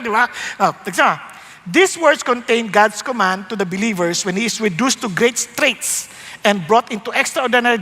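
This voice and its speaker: A male pastor with a Filipino accent preaching a sermon, switching between Tagalog and English and jumping up high for emphasis. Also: sharp tone, big-room sound.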